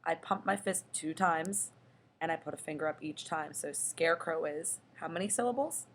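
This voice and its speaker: A young woman teaching a children's lesson, slow and patient, stretching out the example words. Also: deep voice. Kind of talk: children's lesson explaining syllables.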